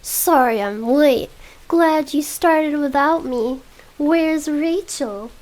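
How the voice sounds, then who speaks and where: A woman whispering the part of a smooth, rich young playboy in a whispered role-play reading. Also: sits high, takes it slowly, a little mellow, rough recording. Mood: teasing.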